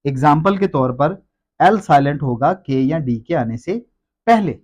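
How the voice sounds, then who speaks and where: A man teaching a pronunciation lesson in a classroom style, who explains each rule slowly and says words and rules again and again. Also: on the high side, animated, a little mellow. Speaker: English teacher.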